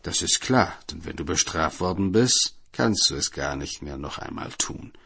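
A man voicing a self-assured village judge in a storybook tale, reasoning in a calm, matter-of-fact way. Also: a bass voice, normal speed, gravelly, slightly rough, voice pushed down, full character voice.

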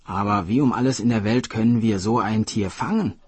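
A cluster of puzzled sea court officials who mutter quickly and nervously, voiced by a man. The voices sound slightly set back from the mic, with a husky, breathy tone. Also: lowish voice, a little mellow, dry recording. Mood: baffled.

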